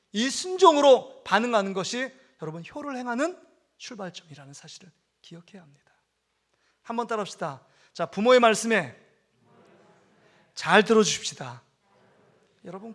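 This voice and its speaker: A man preaching a Sunday sermon as pastor, earnestly telling a story, acting out the voices and leading the congregation in reading aloud. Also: very high-pitched. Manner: earnest preaching, acts out quoted dialogue, leads congregation in reading. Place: church sanctuary.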